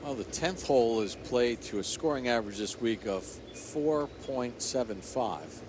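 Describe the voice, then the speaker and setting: A man's voice: medium pitch, animated, a little slow. A man working as a golf commentator, calling live play-by-play with outdoor ambience behind him. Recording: clear outdoor ambient noise.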